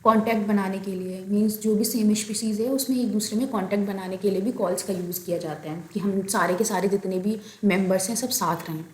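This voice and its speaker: A woman's voice: mid-range voice, fairly even intonation, fairly quick, few pauses. A woman giving a biology lecture, explaining step by step and checking in often with her students. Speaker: biology teacher. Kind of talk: recorded lecture. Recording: echoey room, faint ambience.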